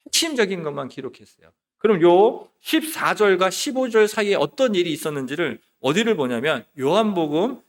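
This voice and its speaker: Expressive male pastor preaching a sermon. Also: high-pitched. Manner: rhetorical questions, answering himself; swings between loud emphasis and soft near-whispers. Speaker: associate pastor. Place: church sanctuary.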